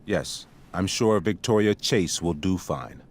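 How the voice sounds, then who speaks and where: In a video game drama, a male actor with a darkish tone plays a stern, middle-aged high school principal. His manner is measured and officious, and he sounds stern and disappointed.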